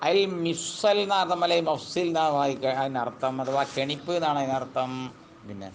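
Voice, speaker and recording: A man teaching a classical religious text, reading Arabic slowly and then explaining in quick colloquial speech. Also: mid-range voice, a little hiss or hum.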